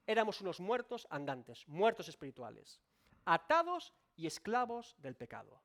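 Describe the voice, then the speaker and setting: Guy preaching in church, high voice, big swoops up and down, talks right at the crowd. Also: wildly swooping pitch, moderate pace, a bit bright. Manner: emphatic preaching with sweeping rises and drops; addresses the congregation directly. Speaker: pastor. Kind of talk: expository sermon.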